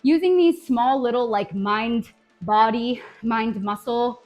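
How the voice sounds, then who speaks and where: A woman's voice: on the high side, slow, darkish tone, faint music behind. A woman teaching a dance tutorial in an upbeat coaching manner, counting beats aloud. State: out of breath at times. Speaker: dance instructor.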